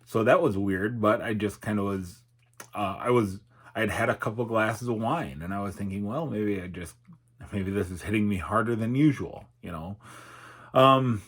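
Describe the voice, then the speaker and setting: A man's voice: on the low side, a bit bright, husky. A middle-aged man speaking candidly and hesitantly in an unscripted personal vlog, his articulation slightly altered by a numb face. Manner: halting, reflective, hesitant. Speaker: YouTuber and podcaster.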